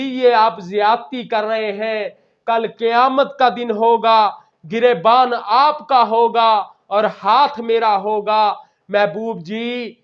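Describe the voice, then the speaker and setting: Man, preacher, Friday sermon, impassioned storytelling, high voice, dull lo-fi sound. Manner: impassioned, retelling stories with dramatic quotes. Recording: dull lo-fi recording.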